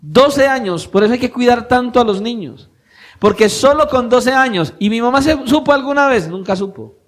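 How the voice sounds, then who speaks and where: A male pastor preaching a sermon, asking his congregation pointed questions and moving between soft, low lines and louder emphatic ones. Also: expressive, normal speed. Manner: questions the congregation directly, swinging from soft to loud.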